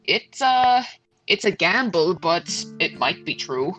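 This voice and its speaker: A woman talking as a player in a tabletop roleplaying game, in animated discussion. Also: on the low side, slow, dull audio. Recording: music behind the voice. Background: music.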